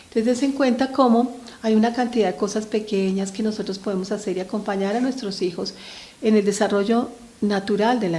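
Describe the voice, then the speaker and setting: A woman's voice: medium pitch, warm tone. A middle-aged woman giving an earnest talk to parents about children's emotions, speaking to them directly and often checking in with short tag questions. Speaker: speaker on family mental health.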